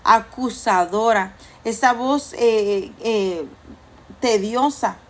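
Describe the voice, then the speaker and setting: Higher-voiced woman preaching a sermon. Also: very slow. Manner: conversational preaching, acts out inner voices and jokes. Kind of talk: church sermon.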